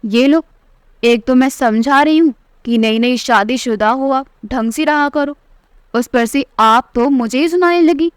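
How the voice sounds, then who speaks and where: A woman's voice: sits high, a little slow, smooth, dry recording, studio quality. Woman voicing a taunting spoiled young sister-in-law. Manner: taunting, condescending.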